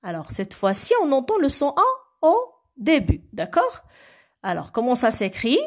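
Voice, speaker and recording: A woman's voice: high voice, huge pitch swings. A woman teaching a phonics lesson to young schoolchildren, patiently spelling out letters and checking in with them often. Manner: slow, patient, repeats "d'accord?" and sounds letters out. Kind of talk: recorded phonics lesson for children.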